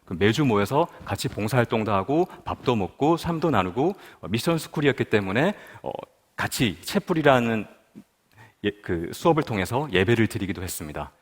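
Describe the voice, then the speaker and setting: A guest speaker at a prayer meeting, a man from Busan, South Korea, animatedly tells his personal testimony in a hall. His voice is fairly low and his pace moderate, and he asks the audience questions as he tells his story.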